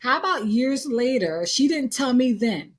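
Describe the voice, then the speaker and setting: Husky woman telling a story animatedly. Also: on the high side, measured pace. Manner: animated, acts out quotes, laughs often. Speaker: podcast host. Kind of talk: casual storytelling chat.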